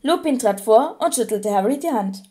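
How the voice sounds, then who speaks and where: A woman narrating an audiobook with clear, even storytelling. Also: a little high, normal speed. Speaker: audiobook reader.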